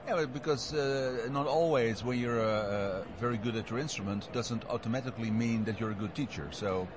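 A man's voice: mid-range voice, brisk, background noise. A man interviewing a musician at a jazz fair, asking friendly, chatty questions.

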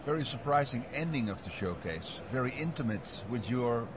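Man, interviewer, friendly, chatty, mid pitch, noisy outdoor venue. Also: animated, normal speed. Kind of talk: interview at a jazz fair.

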